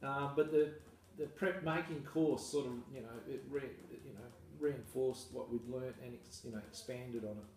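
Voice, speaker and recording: A man's voice: mid-range voice, moderate pace, few pauses. Australian man, farmer, easygoing and rambling, recorded from a distance, very echoey room, faint hiss. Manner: relaxed, rambling, self-deprecating. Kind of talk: casual interview. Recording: echoey room, mic far off, faint noise.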